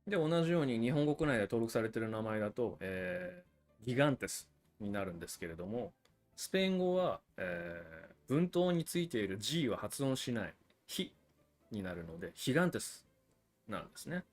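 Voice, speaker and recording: A man's voice: fairly low pitch, big pitch swings, fairly quick, faint music behind. A man hosting a livestream about cigars, explaining things in a chatty, casual way with frequent asides to viewers. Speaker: cigar channel host.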